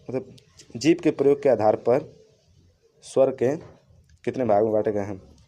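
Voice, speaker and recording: Dark-voiced man teaching a grammar lesson. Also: mid-range voice. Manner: explains each rule twice and restarts with simpler wording; drawn-out sounding of vowel examples. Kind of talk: classroom-style lesson.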